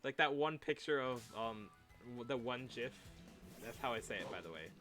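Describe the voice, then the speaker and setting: A man's voice: medium pitch, expressive, brisk, over music. A young man streaming a game, chatting casually and playfully with his viewers, laughing often. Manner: playful, chatty, reads chat aloud, frequent laughs. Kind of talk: casual livestream chat.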